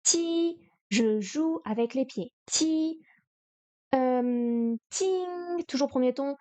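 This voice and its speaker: A woman's voice: sits high, takes it slowly, mellow, smooth. A woman on a live stream studying Chinese vocabulary, repeating words, counting strokes aloud and chatting to herself as she goes.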